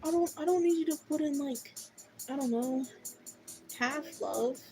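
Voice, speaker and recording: A woman with a bright, high voice talks in a slow, unhurried drawl. She teases and giggles, often repeating words as she stumbles through her thoughts. Music plays clearly in the background. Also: rough recording. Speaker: artist streaming a drawing session. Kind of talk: casual chat while drawing.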